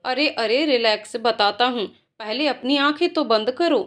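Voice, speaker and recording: Brief: woman reading a cheeky young office guy, joking, high light voice. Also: moderate pace, fairly bright tone, natural voice. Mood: teasing. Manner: joking, teasing. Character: teasing playful young male office colleague.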